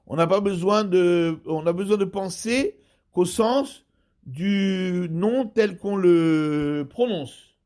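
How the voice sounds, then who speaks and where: A man, a rabbi giving a Torah study lesson, explaining slowly and repeating and rephrasing terms. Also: high voice, darkish tone.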